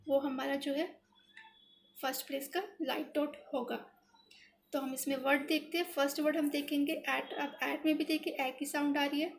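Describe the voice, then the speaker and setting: This shorthand lesson comes from a woman who explains step by step, writing as she talks, patient and repetitive, with English words in an Indian accent. Her pitch is high, and slight background noise is present.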